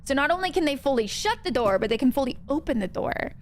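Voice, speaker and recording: A woman's voice: high-pitched, expressive, quick pace, slight background noise. A young woman streaming a ghost-hunting game, chatting casually and greeting viewers by name. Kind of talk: casual livestream chat while gaming.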